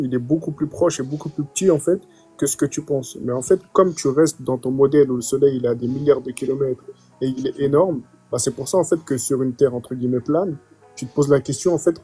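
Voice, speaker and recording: Husky man explaining casually. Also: medium pitch, brisk, dark tone, soft background music. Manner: patient explaining, many fillers like "en fait". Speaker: discussion host. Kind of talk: casual live discussion.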